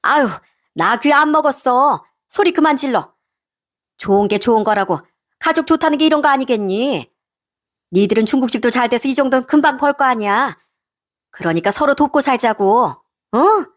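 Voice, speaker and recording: Woman putting on a shrill old mother-in-law. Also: lively intonation, moderate pace. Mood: coaxing. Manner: shrill, indignant, guilt-tripping. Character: pushy scolding older mother-in-law. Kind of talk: storybook narration with acted voices.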